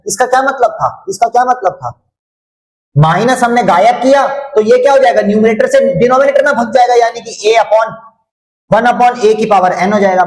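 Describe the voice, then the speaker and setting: Echoey man teaching maths, repeating himself. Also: high-pitched. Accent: Hindi. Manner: drills students with repeated questions, scolds jokingly. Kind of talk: online maths lesson.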